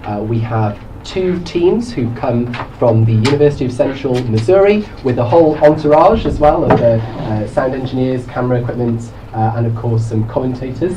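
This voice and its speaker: A young man opens a student debate in a chatty way, filling his pauses with ums and uhs. His voice is mellow and warm. He sounds a little distant from the microphone, with a faint room hum behind him. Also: medium pitch. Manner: chatty, with many filler sounds. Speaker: debating society president and convener. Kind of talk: opening remarks at a debate event.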